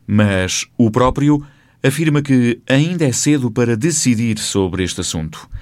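A man with a European Portuguese accent, a radio news reporter reading a scripted report in a crisp, reportorial way. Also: medium pitch, lively intonation, measured pace, darkish tone, dry recording, clean studio sound.

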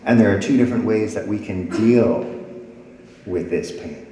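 Before a congregation in a reverberant church sanctuary, a pastor reads scripture dramatically as part of his sermon, his voice rising and falling. His pitch is fairly low, his tone dark, and his pace moderate, with a slight hiss or hum in the recording.

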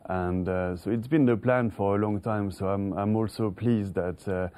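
A man's voice: lowish voice, steady tone, normal speed, dark tone, clean tone. A middle-aged man from France, a horse trainer, answering interview questions with many restarts and chuckles; French is his first language. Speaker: racehorse trainer.

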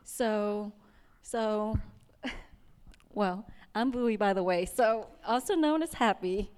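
A young woman from Vietnam with a Vietnamese accent, softly telling her personal story to an audience, with many pauses and restarts. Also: mid-range voice, clear, resonant tone, long reverb tail. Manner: soft-spoken, with frequent ums and restarts.

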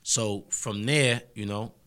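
A man's voice: on the low side, slow, a bit bright. A young man with a New York accent, telling his story as a rapper guest in a casual, slangy podcast chat. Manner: laid-back, slangy storytelling with frequent "you know what I mean".

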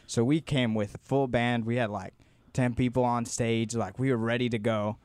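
A young man from Colombia, a guest musician, telling stories in a relaxed way with lots of "like" fillers in a casual interview. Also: mid-range voice, normal speed, clean tone, no echo. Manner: relaxed storytelling with many "like" fillers.

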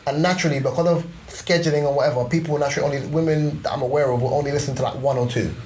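A man's voice: a little high, fairly even intonation, racing, darkish tone, a little hiss or hum. A man chatting casually on a podcast, slangy and explanatory, reeling off examples. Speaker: podcast panellist.

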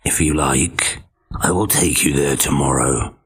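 Man voicing a big bad wolf, growly, very deep, slow, husky, storybook menace. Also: exaggerated voice. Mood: fake friendly. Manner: slow, menacing, then falsely friendly. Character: big bad male wolf, hungry and scheming.

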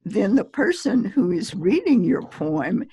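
A woman talks slowly through advice for new poets, and her voice has a husky, slightly breathy grain. The recording is close and dry, with no room sound. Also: mid-range voice, very animated, mellow, no room sound. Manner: slow, measured and chatty, with small laughs. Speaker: poet giving advice, podcast guest. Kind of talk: relaxed conversational advice.

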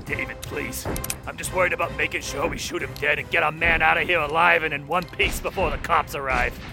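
A creaky, hard-boiled 1930s gangster with a nervy edge. His voice is fairly high, over clear music in a radio drama. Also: fairly even intonation, fairly quick. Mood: tense.

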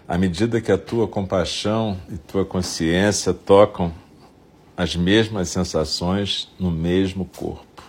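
A Brazilian man speaks in a very deep, husky voice as a meditation guide. His delivery is very slow and gentle, with long pauses between short, soothing phrases. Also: fairly even intonation. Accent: Brazilian Portuguese.

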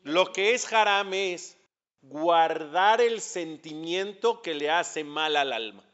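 A man's voice: fairly high pitch, takes it slowly, fairly bright tone, clean tone, muffled recording. A man, a rabbi with a Mexican accent, giving a religious lecture, asking the audience questions and building to emphatic peaks. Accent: Mexican Spanish.

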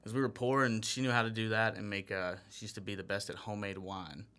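A man's voice: lowish voice, level tone, fast talker, sharp tone, clear, resonant tone. A man from the American South co-hosting a radio show, telling stories in a playful, easygoing way. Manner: playful storytelling, laughs easily. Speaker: co-host. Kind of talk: casual radio chat.

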